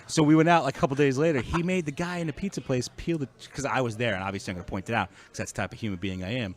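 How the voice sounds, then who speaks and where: A man's voice: mid-range voice, very fast. Thirty-something guy cracking himself up telling stories, chill podcast chat. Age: 30s. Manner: storytelling, laughing often. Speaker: podcast co-host. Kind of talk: casual chat.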